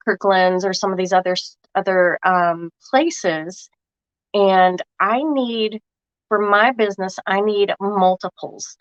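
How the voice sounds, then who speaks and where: A craft vlogger with a fairly low, slightly bright voice sounds froggy from a cold as she casually chats and thinks aloud through a craft project. The recording is dry, dull and lo-fi.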